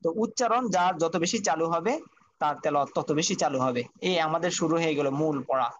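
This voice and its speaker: A man's voice: a little high, fast, lo-fi sound, slight background noise. A man teaching Quran reading online, patiently spelling out Arabic letters and drilling each sound.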